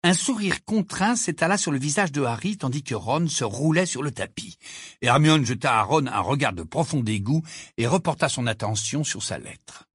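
A man reading a story aloud in an expressive storytelling manner. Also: mid-range voice, moderate pace, slightly rough, no room sound, clean studio sound. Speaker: narrator. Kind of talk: audiobook reading.

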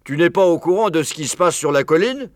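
A man voicing an excitable old male badger, raising his voice high and loud in agitation. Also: moderate pace, no room sound, clean studio sound, natural voice. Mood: agitated.

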